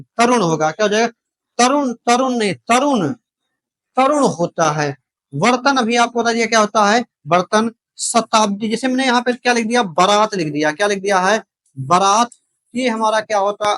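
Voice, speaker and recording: A Hindi exam-prep teacher with a high, slightly bright voice drills spellings in a spoken lesson. He keeps asking rhetorical questions and repeating the answers, speaking directly to viewers and calling them brother.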